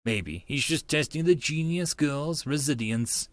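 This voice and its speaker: Fairly high in pitch and measured in pace, a man reads with no room sound at all. He acts as an audiobook narrator for a visual novel, delivering a theatrical first-person telling that plays out dialogue and asides.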